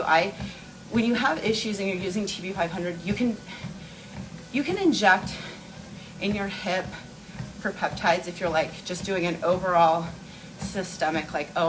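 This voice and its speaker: This beauty and wellness livestream host is walking on an inclined treadmill while she answers viewer questions in a loose, chatty, explanatory way. Her voice is on the low side and moves at a normal speed, with noise in the background.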